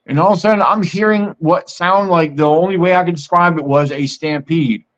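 A man with a fairly high voice talks in a loose, meandering way, as if chatting with a guest on his own show. The recording sounds muffled and lo-fi. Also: fairly quick, a bit bright. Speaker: podcast host. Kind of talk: casual storytelling. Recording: muffled lo-fi audio.

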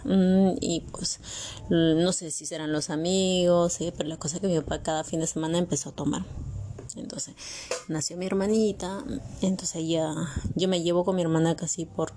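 Low-voiced young woman telling a personal story. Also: fairly even intonation, mellow, slight background noise. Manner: hesitant, with frequent pauses and filler sounds.

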